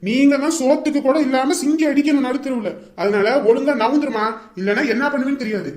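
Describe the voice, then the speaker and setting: A defiant young son, played by a woman, who argues bluntly and keeps threatening to lose his temper. The voice sits fairly high and races along. It is recorded in an echoey room. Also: very fast, close to an everyday voice. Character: defiant young man, newly married son. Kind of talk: comedy skit acting. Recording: roomy echo.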